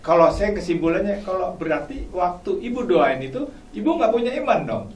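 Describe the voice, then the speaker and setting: Lively teasing male host, echoey. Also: high-pitched, a little fast, a crowd in the background. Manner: teasing, probing questions. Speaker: talk show host. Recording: echoey room, distant mic, audience.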